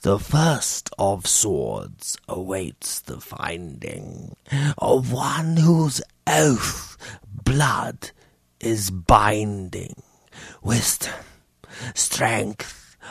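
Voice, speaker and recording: Man voicing an old sorcerer, fanatical high priest, gravelly, breathy, very slow, dry close sound. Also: no room sound, heavily acted. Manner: low, breathless, whispery chanting. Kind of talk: audiobook character reading.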